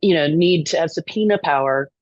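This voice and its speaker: Low-voiced and speaking a little fast, a middle-aged East Texas woman with a Texan accent appears as a lobbyist guest in a podcast interview. She jokes at her own expense, says "um" a lot, and the audio is muffled though free of echo.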